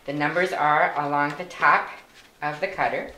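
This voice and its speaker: A woman's voice: low-pitched, steady tone, moderate pace, sharp tone. A woman giving patient, step-by-step instructions for a card-making craft, with plain wording and small fillers. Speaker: volunteer instructor. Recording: echoey room with faint noise.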